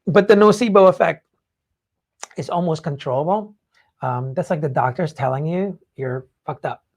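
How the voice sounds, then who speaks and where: A podcast host with a medium-pitched voice and moderate pace chats casually about takeaways from a book. He rambles and speaks emphatically, swearing freely as he explains the ideas.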